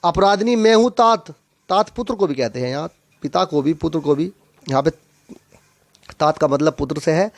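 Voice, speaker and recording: A male teacher explaining a Hindi poem line by line, reciting verses and then repeating key phrases to make them clear. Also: fairly high pitch, normal speed, pauses often, no echo. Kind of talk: poetry lesson explanation.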